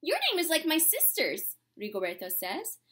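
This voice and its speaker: Her voice sitting high and moving at normal speed, a woman in her thirties reads a picture book aloud to children from a small room indoors at home. She's animated and dramatic, chatting and quizzing the young listeners, with a little hiss or hum in the background.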